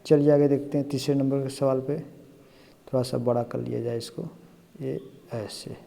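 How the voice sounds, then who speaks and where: Man teaching Hindi grammar, dark voice. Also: medium pitch, flat delivery, moderate pace, vocal fry, big-room sound, slight background noise. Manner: explains step by step, often asks "है ना?". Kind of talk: exam-prep lesson.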